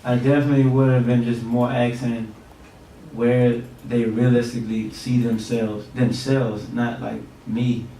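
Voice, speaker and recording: A man's voice: medium pitch, flat delivery, a little slow, dark tone. A man in his twenties, a guest, speaking in a laid-back, slangy and earnest way. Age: 20s. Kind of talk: casual chat. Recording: roomy, distant mic, faint noise.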